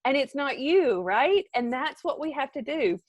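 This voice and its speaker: Lively woman with a drawl. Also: sits high, moderate pace, dry recording, highs cut off. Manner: animated, talks straight to viewers by name. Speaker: team leader. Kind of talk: motivational live video talk.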